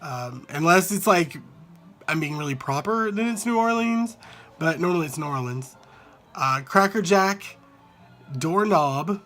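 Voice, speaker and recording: A man from the American South with a Southern accent, chatting casually and unscripted into a handheld phone, rambling a little and sounding out words deliberately. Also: on the high side, animated, bright, forceful tone, soft background music. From Southern United States. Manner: repeats single words slowly to demonstrate pronunciation, rambling. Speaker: vlogger answering an accent challenge. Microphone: handheld phone at arm's length.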